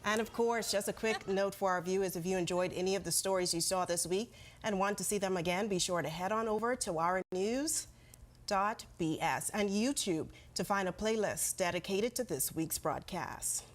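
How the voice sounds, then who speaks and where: A woman's voice: mid-range voice, normal speed. A woman news anchor presenting scripted television news.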